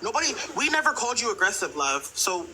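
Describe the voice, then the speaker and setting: A woman speaks at a middling pitch in a live online panel debate. She is corrective and repeats herself to drive the point home. The audio is clearly noisy, with clicks. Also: sing-song, quick pace, sharp tone. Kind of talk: casual argumentative panel talk.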